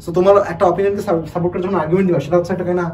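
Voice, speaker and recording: Fast-talking man teacher. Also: high voice, fairly even intonation, darkish tone, recorded from a distance, slight background noise, rough recording. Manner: rapid, restarts often, asks the students rhetorical questions. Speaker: admission test English teacher. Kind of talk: online class lecture.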